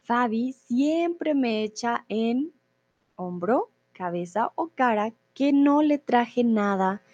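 A woman's voice: fairly high pitch, animated, slow, a little mellow, highs cut off. A woman teaching Spanish on a live stream, explaining expressions patiently and reading out viewer comments. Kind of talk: live-streamed language lesson.

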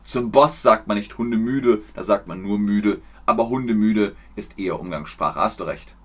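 A man from Germany teaching German on a livestream, explaining slowly, clearly and patiently. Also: lowish voice. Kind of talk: livestream language lesson.

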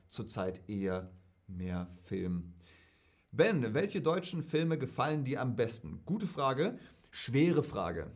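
A young German man answering viewer questions in a casual, lively Q&A vlog, chatting and acting out quoted speech. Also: medium pitch.

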